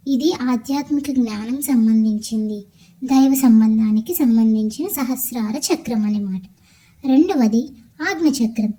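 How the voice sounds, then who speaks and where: A woman calmly explaining meditation as a teacher, listing each point one at a time in a measured way. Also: fairly high pitch, poor audio. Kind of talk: calm instructional explanation of chakras.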